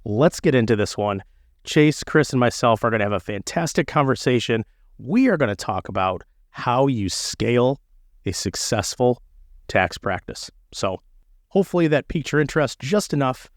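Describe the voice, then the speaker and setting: Brief: male podcast host, playful, lively pitch, dry close recording. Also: moderate pace, no echo. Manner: playful, joking. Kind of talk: casual podcast chat.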